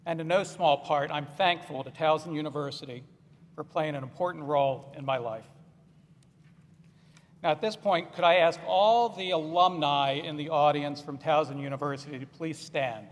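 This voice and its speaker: A man's voice: a little high, moderate pace. A man in his sixties speaks for the alumni association at a graduation, plain and conversational with a touch of self-deprecation. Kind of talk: commencement address. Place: large ceremony hall. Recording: echoey hall.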